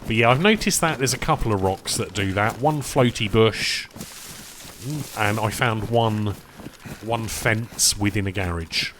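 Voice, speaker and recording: At a measured pace, a man with a fairly low, slightly bright voice rambles to his stream viewers over a faint hiss or hum. He's chatty, calls them "boys," and eats while he plays, sometimes speaking with food in his mouth.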